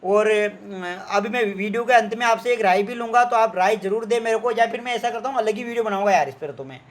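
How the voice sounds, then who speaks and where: High-voiced man teaching an exam prep lesson. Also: a little fast, a little hiss or hum. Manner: repetitive, asks students questions and answers them himself; acts out students' doubts in a mock voice. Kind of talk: online test walkthrough lesson.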